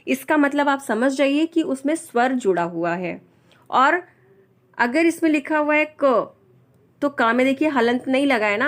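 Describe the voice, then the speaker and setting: A woman gives a slow, step-by-step lesson on pronunciation. Her voice sits a little high, and she patiently repeats and stresses each sound to set it right. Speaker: Hindi language teacher.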